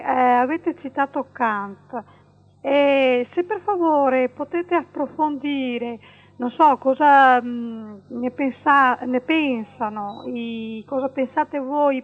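High-pitched woman caller over a phone line. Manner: hesitant, searching for words. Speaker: radio caller. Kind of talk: call-in question.

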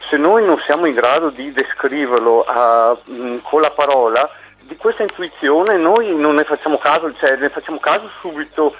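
A man calling in to a radio show over the phone, talking casually and hesitantly with many pauses and fillers. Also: a little high, slightly rough. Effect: heard over a phone line. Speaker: radio caller. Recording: dull phone line on radio.

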